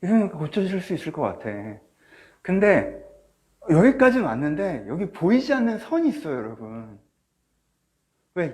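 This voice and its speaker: A man preaching a sermon as pastor of a church, animated, swinging from soft asides to loud cries. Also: on the high side. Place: church or small studio, online service.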